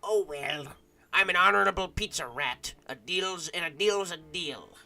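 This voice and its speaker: Man putting on a squeaky fussy sewer rat. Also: unhurried, creaky, sharp tone, heavily acted. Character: fussy male pizza-loving sewer rat.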